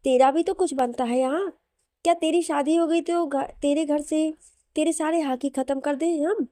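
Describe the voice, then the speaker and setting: A woman voicing a gentle, loving older brother who speaks fondly. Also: high-pitched, steady tone, moderate pace, no echo, clean studio sound, voice pushed up, lightly acted. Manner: gentle, fond.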